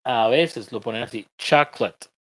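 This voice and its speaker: A man's voice: medium pitch, normal speed, no echo. A man with a Colombian accent teaching an online English reading class, explaining pronunciation patiently with joking asides.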